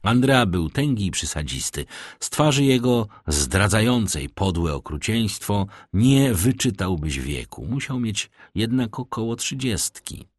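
A man narrating a classic novel as an audiobook in an expressive, dramatic manner. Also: fairly low pitch, unhurried, dry recording, studio quality.

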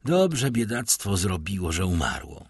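A man reading as a cold, cynical gentleman. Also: lowish voice, very animated, measured pace, breathy edge, no echo, clean studio sound, heavily acted. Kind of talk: audiobook reading.

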